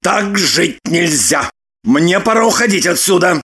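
A woman reader voicing Roman, a hungover man who talks in a gruff mutter. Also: fairly low pitch, expressive, a little slow, fairly bright tone, full character voice. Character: hungover grumbling middle-aged man. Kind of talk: audiobook character voice.

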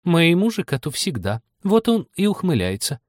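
A man reading an audiobook and voicing a rude, bossy duchess who snaps and shouts at everyone. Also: a little high, big pitch swings, normal speed, no echo, clean studio sound, pitched above the performer's own voice. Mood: snappish. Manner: snapping, shouting harshly.

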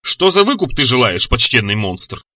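A man's voice: medium pitch, sing-song, normal speed, bright, forceful tone, distant mic. A man voicing a bold young huntress maiden who speaks in an old-fashioned, spirited way.

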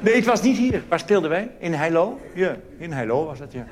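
On stage in a theatre, a Dutch male cabaret performer rambles through a live comedy monologue full of asides and tag questions. His fairly high voice swings widely in pitch and moves a little fast. The noisy old live recording carries crowd noise.

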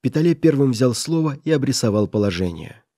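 Brief: male audiobook reader, warm and mellow, dry close recording. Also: medium pitch, sing-song, fairly quick, dry recording. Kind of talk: scripted audiobook narration.

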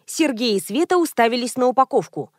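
A woman reads a humorous novel aloud, audiobook-style, with lively delivery. Her voice sits fairly high for a woman. The recording is dry and close with no room sound. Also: fairly quick, no echo. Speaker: audiobook narrator. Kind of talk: audiobook reading.

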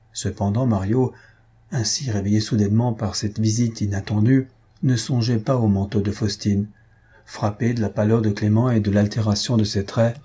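A man reading a novel aloud as scripted narration, in a measured, literary manner. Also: on the low side, mellow, breathy edge. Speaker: audiobook reader.

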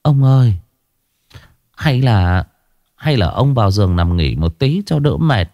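A man's voice: very animated, measured pace, mellow, no echo, clean studio sound. A man voicing a frightened older village wife who pleads and wails. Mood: pleading, fearful. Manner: high, pleading, wailing.

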